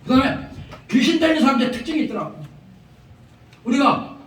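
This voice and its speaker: An extremely high-pitched male voice with lively intonation and a slightly fast pace preaches a revival sermon. The pastor chuckles through humorous stories and uses emphatic repetition, recorded from far off in an echoey prayer-house hall.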